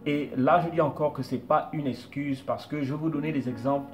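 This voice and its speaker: A man's voice: on the high side, steady tone, brisk, music in the background. A man coaching viewers on starting a business, explaining step by step and repeating his points. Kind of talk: motivational talk to camera.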